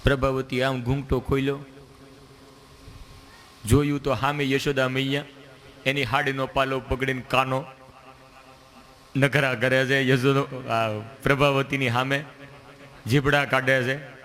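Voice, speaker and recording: Bright-voiced storyteller man. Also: mid-range voice, measured pace, long pauses. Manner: lively, folksy, acts out voices. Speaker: religious storyteller. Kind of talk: devotional story sermon.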